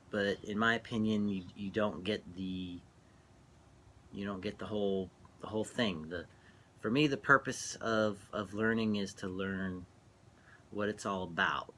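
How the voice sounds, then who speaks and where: A middle-aged man talking casually and reflectively while smoking, halting and trailing off between phrases as he reminisces. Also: fairly low pitch, a bit bright, slight background noise. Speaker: vlogger. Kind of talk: casual rambling monologue, reminiscing.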